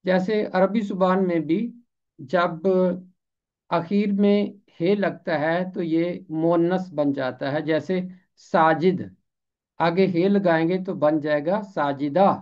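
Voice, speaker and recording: Man, pronunciation teacher, slow and deliberate, repeats words, mid pitch, dull recording. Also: fairly even intonation, darkish tone. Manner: deliberate, repeats each word slowly for clarity. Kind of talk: explanatory lesson on word pronunciation.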